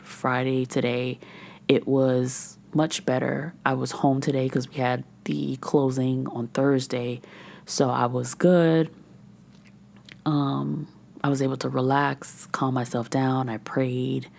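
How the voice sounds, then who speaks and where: A woman's voice: a bass voice, vocal fry, a little mellow. A woman in her thirties hosting a candid solo podcast, rambling and sometimes dropping to a whisper. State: frustrated and overwhelmed. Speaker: podcast host and menopause coach. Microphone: podcast microphone.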